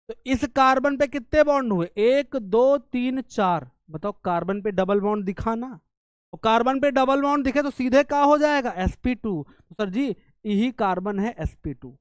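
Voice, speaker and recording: Lively chemistry tutor. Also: male voice, very high-pitched, clean tone, no room sound, clean studio sound. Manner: lively, scolding and coaxing, voices students' questions himself. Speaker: chemistry teacher. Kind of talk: exam-prep lesson.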